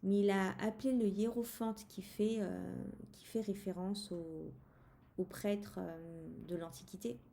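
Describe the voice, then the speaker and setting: Gravelly-voiced woman reviewing a tarot deck. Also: mid-range voice, fairly even intonation, a little slow, warm tone, a little hiss or hum. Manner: hesitant, many fillers and restarts; speaks directly to the viewer. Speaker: tarot reader presenting a deck. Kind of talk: casual spoken deck review.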